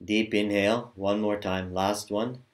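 Male chanting teacher, deep and monotone, unhurried call-and-response leader, heard over a video call. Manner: slow drawn-out chanting, quicker casual asides.

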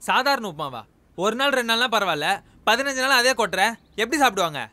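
An actor playing an irritable young husband who scolds loudly and sounds exasperated, in a comic web series. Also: male voice, very high voice, big pitch swings, quick pace, no room sound, exaggerated voice. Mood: angry scolding. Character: irritable young husband fed up with repeated meals. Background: loud guitar music.

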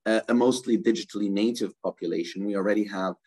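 A man's voice: fairly low pitch, fairly even intonation, quick pace, a little mellow, low-quality recording. A middle-aged man from Germany, a guest on a video-call interview, speaking fluently and energetically and often adding "right?". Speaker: guest, crypto ecosystem co-founder. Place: indoors, virtual office backdrop.

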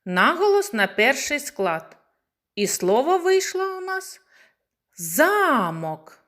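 A woman preschool teacher giving a slow, clearly spoken lesson to young children, stretching words into syllables. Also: sits high, very animated, a bit bright.

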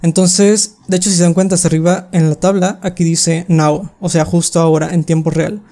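Young adult webinar presenter, mellow tone, patient step-by-step explainer on a call mic. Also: medium pitch, steady tone. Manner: explains step by step with frequent "em" pauses. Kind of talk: screen-share coding tutorial. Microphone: computer mic on a video call.

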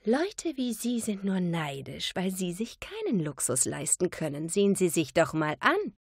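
A woman's voice: mid-range voice, very animated, a little mellow, husky, dry recording, clean studio sound, voice pushed up. A woman voicing a cold, haughty businesswoman who draws out her words condescendingly. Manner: drawn-out, condescending.

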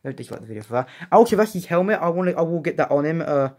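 A young man chatting casually as he reviews a collectible figure, excitable and rambling with frequent restarts. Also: fairly high pitch, rapid-fire. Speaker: toy reviewer. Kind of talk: casual unboxing vlog.

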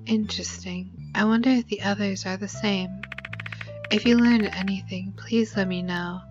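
A woman playing a calm, curious girl in a game, asking one measured question after another in an even mid-range voice, with game music clearly audible in the background. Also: mid-range voice, muffled recording, natural voice. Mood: inquisitive. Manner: measured, inquisitive.

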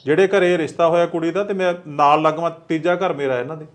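A man's voice: on the high side, steady tone, quick pace, close to an everyday voice. A middle-aged man playing a stern, protective village headman who scolds in a firm, fatherly way. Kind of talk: acted village drama dialogue.

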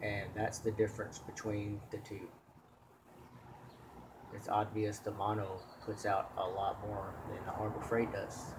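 Man, lowish voice, casual rambling talk, handheld camera, faint birds and outdoor hum behind. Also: monotone, a little slow. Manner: plain, rambling, with many fillers and restarts. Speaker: solar hobbyist vlogger. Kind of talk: casual off-the-cuff demo.

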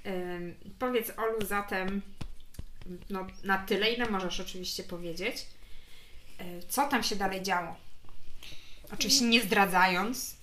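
A woman in her thirties hosting a casual family book podcast, gently prompting her daughter with questions and adding chatty asides. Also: mid-range voice, unhurried, long pauses, background noise. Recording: echoey room.

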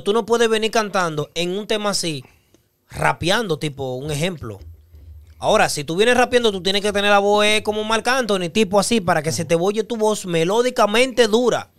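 A man's voice: high-pitched, fairly bright tone, no echo, studio quality. A man co-hosting a casual music reaction podcast, explaining song structure with analogies and humming melodies.

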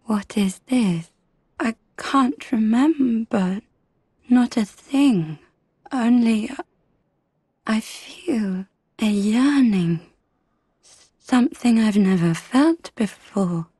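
A woman voicing a meek, solemn and eerie talking doll in a video game, with a soft breathy voice and formal, measured speech. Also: a little high, animated, no echo, exaggerated voice. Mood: tearful wonder. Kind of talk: video game character dialogue.

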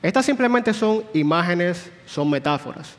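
With a high-pitched voice, lively intonation and a moderate pace, a man teaches a Sunday school Bible class in a church. He explains patiently and questions the room, and the church hall gives a long reverb.

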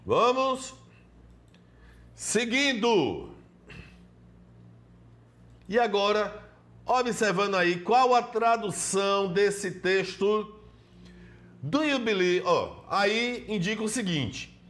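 A man's voice: sits high, animated, extremely slow, pauses often, a bit bright. A man teaching an English lesson in Portuguese with a Brazilian accent, explaining step by step and greeting students by name. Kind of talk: televised classroom lesson.

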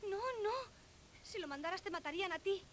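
A woman's voice: very high voice, brisk, fairly bright tone. A woman playing an urgent, earnest youngster in a dubbed film drama. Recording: faintly hissy 1970s film soundtrack.

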